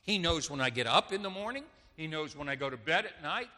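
An older man preaches a sermon as pastor in a church sanctuary, speaking conversationally and telling homely stories. His voice is a little high, a little fast, pushed and bright, with lively intonation. Long church reverb colors the recording.

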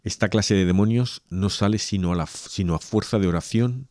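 Against background noise, a reader and co-host with a lowish voice goes through a Gospel passage before chatting informally about faith. He talks a little fast, with hesitations, restarts, and laughter along the way.

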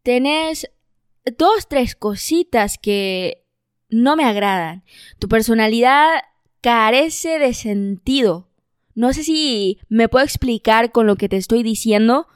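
A woman's voice: a little high, lively intonation, takes it slowly, clear, resonant tone, dry recording, clean studio sound. A woman putting on a mix of Argentine and Spanish accents, playing someone listing another person's flaws. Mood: scornful. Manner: blunt insults in a mixed put-on accent.

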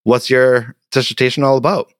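A man's voice: medium pitch, steady tone, normal speed, no room sound, clean studio sound. A man with a Boston accent hosting a podcast interview in a chatty, self-deprecating way over a video call. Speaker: podcast host. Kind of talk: casual interview.

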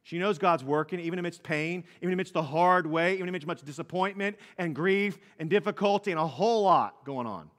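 A man in his thirties preaching a sermon as pastor, earnest, going from loud emphasis to quiet tender asides. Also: high-pitched, fairly quick, hardly any pauses. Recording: long reverb of a hall.

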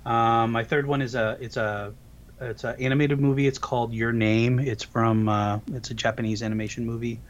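A man's voice: medium pitch, level tone, moderate pace, muffled recording. Hesitant male podcast co-host. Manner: hesitant, full of ums and uhs. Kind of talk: casual podcast chat.

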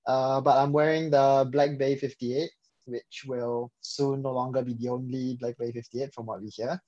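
A man from Singapore, a guest speaking in a friendly, measured way in casual chat. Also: medium pitch, steady tone, mellow, muffled recording.

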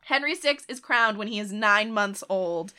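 A woman co-hosting a podcast tells history in a loose, chatty way, laughing often and slipping into quick voiced asides for the people she describes. Her voice is bright and clear, sitting in a middle register. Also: mid-range voice. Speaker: podcast co-host telling history. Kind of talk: casual chat.

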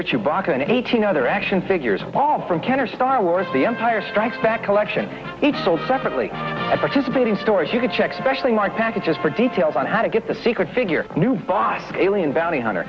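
Male announcer for a retro toy commercial: high-pitched, animated, product-listing read over prominent music. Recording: dull old TV advert audio. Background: loud music.

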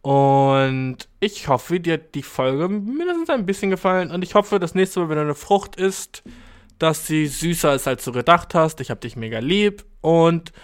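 A man's voice: normal speed, smooth. A man hosting a podcast, reading out and reacting to listener mail in casual, slangy chat full of English words and swearing. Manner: animated, jumps into high exclamations.

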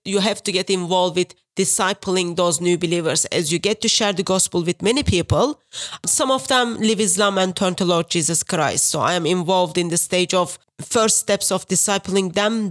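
A woman from Turkey with a Turkish accent, Turkish her first language, telling her story as a guest over a video call in an earnest, measured way. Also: on the low side. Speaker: guest, street preacher. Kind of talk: interview, personal account.

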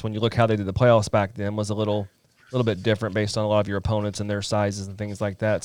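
A man co-hosting a casual sports talk, recalling things in a rambling, halting way. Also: fairly low pitch, smooth, no room sound, studio quality. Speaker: podcast co-host.

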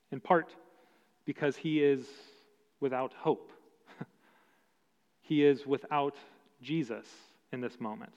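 A man preaching a sermon as pastor, slow and emphatic with long pauses. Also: mid-range voice. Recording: dull sound with long hall reverb.

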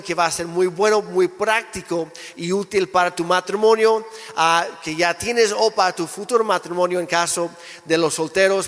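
A Canadian pastor, a native English speaker with a high voice, preaches a sermon in an echoey hall with long reverb. His delivery is relaxed and joking, with restarts.

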